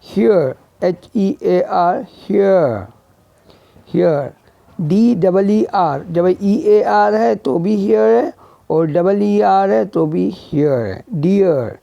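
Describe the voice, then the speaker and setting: Very slow, gravelly-voiced male teacher. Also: high voice, dark tone, dry recording. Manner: spells words letter by letter and repeats them. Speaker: English pronunciation teacher. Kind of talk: slow spelled-out phonetics lesson. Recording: dull lo-fi sound.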